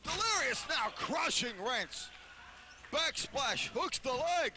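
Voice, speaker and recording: A man giving excitable play-by-play wrestling commentary, calling moves in clipped phrases. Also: extremely high pitch, takes it slowly, noisy background.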